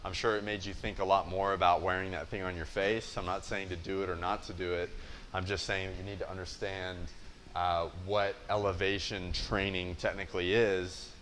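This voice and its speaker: A young American man with a slightly low voice explains in a blunt, conversational way, like a coach at a whiteboard. He often checks in with the listener, and there is light noise in the gym space around him. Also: little pitch movement, moderate pace, fairly bright tone. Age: young adult. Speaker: fitness coach presenting.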